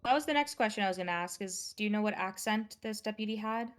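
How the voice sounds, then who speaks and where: During a live game roleplay, a woman plays a methodical female police officer taking a witness's statement, peppering her questions with fillers. She speaks fast at a medium pitch, and her natural voice is clear and resonant.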